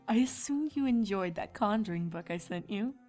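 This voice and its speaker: A woman voicing a kindly, mature pony princess and mentor in a cartoon-style fan story, with a composed, regal, measured manner. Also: medium pitch, lively intonation, darkish tone, soft background music, natural voice.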